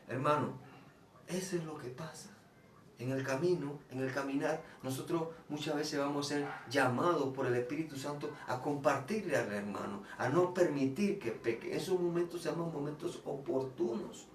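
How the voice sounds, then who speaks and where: A man preaching a personal testimony sermon in an earnest way, repeating phrases and going soft when he quotes himself. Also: fairly high pitch, normal speed, a little hiss or hum. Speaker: lay preacher. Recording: echoey distant room with faint ambience.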